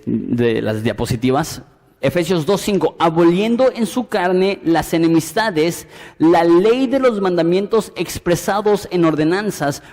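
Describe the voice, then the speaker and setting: Animated preacher in a reverberant hall. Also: male voice, on the high side. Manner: animated, acts out dialogue and reads scripture aloud. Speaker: pastor. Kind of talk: sermon Bible study.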